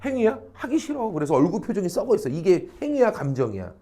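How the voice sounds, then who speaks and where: Animated male teacher lecturing a class. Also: high-pitched, quick pace. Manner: animated, acts out quoted people, frequent rhetorical check-ins, salty slang. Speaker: high school social studies teacher. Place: academy classroom.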